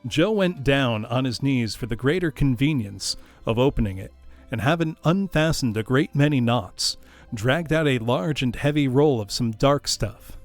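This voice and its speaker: Creaky-voiced man reading a story. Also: medium pitch, expressive, moderate pace, faint music behind. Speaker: storyteller, streamer. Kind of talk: expressive audiobook-style narration. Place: dry room, live stream.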